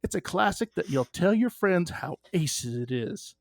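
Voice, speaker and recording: A man's voice: high-pitched, lively intonation, measured pace, vocal fry, no room sound, studio quality, heavily acted. A man putting on a put-on Upper Midwest accent to play a flustered, folksy middle-aged car salesman who stammers over his lines. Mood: folksy salesy.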